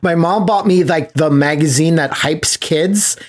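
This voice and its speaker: A man with a voice on the high side speaks a little slowly while co-hosting a podcast. He chats casually and tells stories with enthusiasm, acting out the reactions he quotes and swearing freely.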